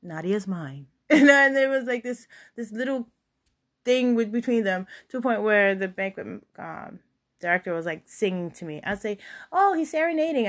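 A young adult woman, a chef, talking casually and chattily about kitchen life, lively when she quotes others. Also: a little high. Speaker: podcast host and chef. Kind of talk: casual storytelling monologue.

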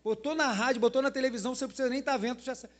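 A pastor preaching to his congregation. His voice sits notably high for a man, and he talks in an easy, chatty way, checking in with the room through little tag questions. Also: steady tone, rapid-fire. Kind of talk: sermon. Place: church hall.

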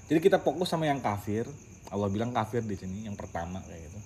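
A man who leads a casual Quran study group, talking in a lively way, slipping in English words and calling his listeners by their nicknames. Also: lowish voice, fast talker, a little hiss or hum. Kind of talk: casual religious study talk.

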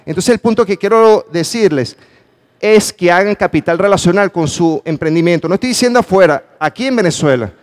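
Male motivational speaker with a fairly high voice, pitching questions to a live audience and hammering his points home. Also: expressive, brisk. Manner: emphatic, calls for audience response. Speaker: conference speaker. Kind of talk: motivational talk. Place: conference hall with a live audience.

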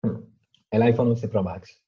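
A man answering interview questions casually, with many fillers and pauses. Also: fairly low pitch, steady tone, slightly rough, lo-fi sound. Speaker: podcast guest.

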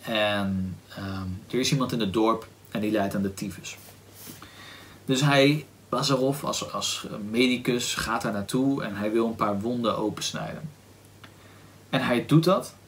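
A man's voice: fairly low pitch, a little slow, a bit bright, slight background noise. Dutch man musing about a novel. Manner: thoughtful, searching for words with frequent "ehm" and restarts. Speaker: book podcast host. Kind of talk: casual book discussion with read-aloud passage.

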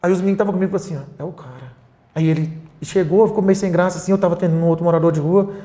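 In this interview, a high-voiced Brazilian man, founder of a charity for the homeless, races through his stories in a steady, warm tone. He earnestly reenacts scenes with quoted lines, and the room echoes noticeably.

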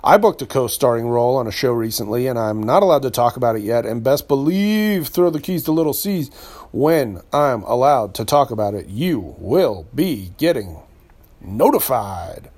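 A man's voice: medium pitch, very animated, normal speed, darkish tone. A man hosting a solo podcast from home, talking in a rambling, chatty way full of asides. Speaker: podcast host. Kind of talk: solo casual podcast monologue. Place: home room. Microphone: podcast microphone.

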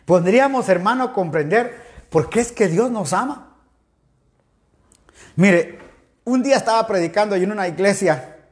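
A man from Ecuador delivers a fervent sermon in a high voice. He speaks straight to his listeners and breaks into frequent exclamations. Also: animated, moderate pace, pauses often. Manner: fervent, addresses listeners directly, exclaims often. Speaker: preacher.

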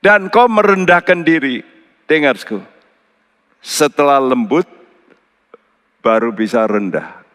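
A male pastor preaching in an earnest tone. He keeps turning to the congregation as brothers and sisters. His voice climbs sharply on key words and sinks low and soft on grave ones. The sound carries a long hall reverb. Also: expressive, unhurried, pauses often. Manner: pitch jumps high for emphasis, drops low and quiet for solemn points. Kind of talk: sermon.

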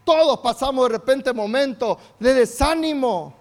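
A man's voice: very high-pitched, normal speed. A male pastor preaching a sermon, emphatic, leading the congregation in call-and-response and acting out quotes. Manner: acts out quotes of biblical figures in shifting voices.

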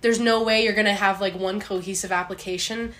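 A woman's voice: mid-range voice, steady tone, a little fast, fairly bright tone. A young woman co-hosting a podcast, talking casually with many fillers. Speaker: podcast co-host. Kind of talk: casual chat.

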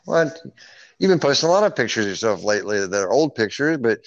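A man's voice: mid-range voice, very animated, fast talker, dry recording. A man co-hosting a casual podcast, joking and playful, laughing often. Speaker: podcast co-host. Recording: dull lo-fi sound.

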